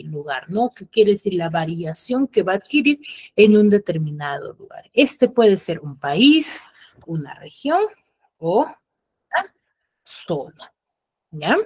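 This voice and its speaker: A woman teacher from the highlands, giving an online class and checking in with her students through frequent tag questions. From Peruvian highlands.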